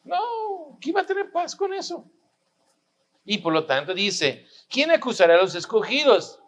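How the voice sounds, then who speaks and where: Guy preaching a sermon, high voice, takes his time, lots of questions thrown at the crowd. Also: very animated, measured pace, a bit bright. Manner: preaching with rhetorical questions, emphatic repetition. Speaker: pastor.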